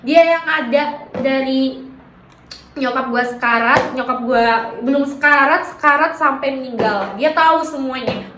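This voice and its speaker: Young woman ranting through her story, kinda high voice, slangy and defensive, echoey room. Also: measured pace. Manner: slangy Jakarta-style casual talk, defensive and emphatic. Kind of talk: personal storytime vlog.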